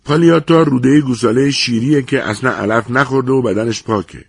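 Guy doing a deadpan menu reader, dry close sound. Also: medium pitch, creaky, slightly rough, no room sound, pitched above the performer's own voice. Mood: explaining. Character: matter-of-fact man reading a menu.

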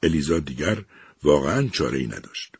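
A man narrating a literary work in a measured, dramatic reading as the program's reader. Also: extremely low pitch, lively intonation, husky, no echo, studio quality.

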